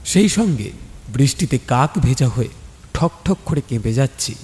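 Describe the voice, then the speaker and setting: A man narrates a scripted first-person story dramatically in a medium-pitched, animated, slightly mellow voice at normal speed. Background music plays behind him, with long studio reverb.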